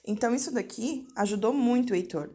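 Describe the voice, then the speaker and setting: A woman's voice: a little high, fast talker, warm tone. A woman, a mother, explaining something to her viewers at home in a casual, chatty way, often tagging her sentences with little questions. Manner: chatty, frequent tag questions. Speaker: mother and vlogger. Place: at home indoors.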